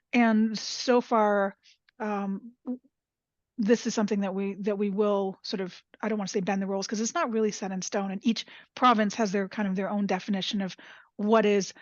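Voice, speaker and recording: A woman's voice: medium pitch, no room sound. A woman answering as a panelist in a webinar over a video call, thinking aloud and searching for her words. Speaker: forensic panelist. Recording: muffled video call audio.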